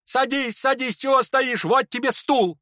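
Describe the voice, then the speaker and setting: A man's voice: extremely high pitch, measured pace, bright, forceful tone, no room sound, clean studio sound, pitched above the performer's own voice, full character voice. A man reading an audiobook and voicing a hot-tempered older woman who scolds shrilly and indignantly. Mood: frightened scolding.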